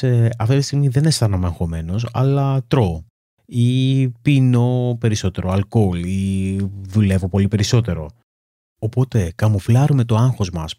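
A man talks as a coach in a self-help lesson, laying out his points one by one in a calm, methodical way. His voice sits low with a mellow, slightly husky tone. The recording is dry and close. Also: no room sound. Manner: calm, explanatory, steady teaching with lists and examples. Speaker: weight-loss coach. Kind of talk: self-help talk to camera.

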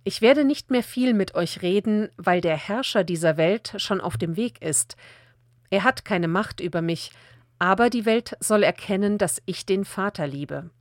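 A woman reads scripture aloud in a calm, measured delivery. Her voice sits at an ordinary middle pitch. The recording is close and dry, with no room sound. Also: dry recording. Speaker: Bible reader. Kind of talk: scripted Bible reading.

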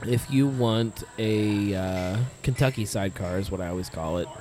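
A man's voice: on the low side, moderate pace, a little mellow. A man hosting a podcast in casual chat, rambling and correcting himself, laughing easily. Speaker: podcast host.

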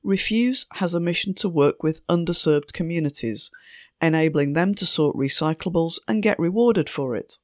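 A woman hosts a podcast while hoarse from a cold, her voice croaky but her reading measured and clear. The sound is dry and close, with no room around it. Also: lowish voice, no room sound. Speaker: podcast host. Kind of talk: scripted podcast introduction.

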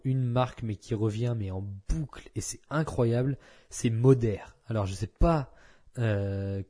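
A man's voice: on the low side, dark tone. A man hosting a solo podcast, talking casually and frankly with many fillers and restarts. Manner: blunt and frank. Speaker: podcast host.

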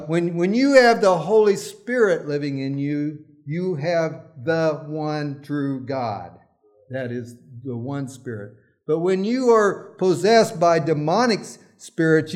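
A man's voice: a little high, a little mellow. A middle-aged male pastor preaching a sermon, emphatic at times and telling folksy, humorous stories.

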